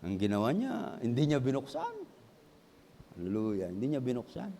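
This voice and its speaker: Brief: a male pastor of middle pitch, preaching as a storyteller who keeps asking the congregation questions, in a church hall with long reverb. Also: huge pitch swings, moderate pace, noisy background. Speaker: senior pastor. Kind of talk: sermon.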